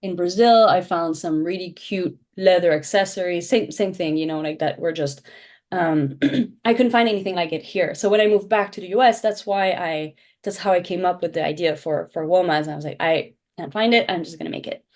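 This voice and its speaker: Woman founder raised in Belgium, lowish pitch, chatty guest who restarts a lot. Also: brisk, darkish tone. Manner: chatty, explains with many restarts. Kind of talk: casual podcast interview.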